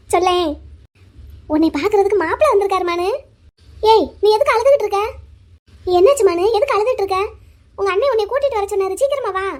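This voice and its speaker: Rich: A chatty, teasing young village girl in a cartoon romance. Her voice is very high and light. She pries with question after question. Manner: nosy, teasing, rapid-fire questions. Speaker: heroine's best friend in a cartoon. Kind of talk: cartoon voice acting.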